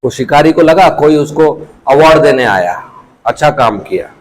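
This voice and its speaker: A man giving a storytelling sermon to a youth class, a lively storyteller who acts out his characters. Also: mid-range voice, normal speed, background noise.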